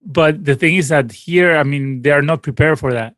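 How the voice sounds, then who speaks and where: A man's voice: fairly high pitch, moderate pace, fairly bright tone, no echo. A Venezuelan man in his late forties, a musician answering interview questions in a rambling, casual way with many restarts and fillers. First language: Spanish. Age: 40s. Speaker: guest musician. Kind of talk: casual interview over a call.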